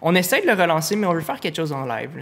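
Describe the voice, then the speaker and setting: A laid-back young English-speaking man from Ontario, Canada, a music producer guesting on a casual podcast, talks in a raised, slightly high voice at a racing pace. He's relaxed, mixes English slang into his French, and chuckles often.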